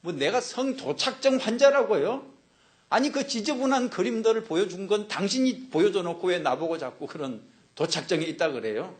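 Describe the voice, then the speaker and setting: A man's voice: on the high side, big pitch swings, unhurried. A man voicing an indignant male patient in a joke, describing what he sees and then protesting. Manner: defensive, rising to an angry protest. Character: indignant man at a psychiatrist's office.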